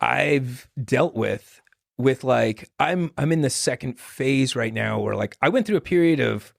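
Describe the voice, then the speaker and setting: A man's voice: mid-range voice, lively intonation, a little slow, vocal fry, dry recording, studio quality. A man, born in Scotland and raised in Maine, telling rambling stories as a podcast guest, with frequent restarts and laughter. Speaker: podcast guest, hitchhiker and journalist. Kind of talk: casual conversational storytelling.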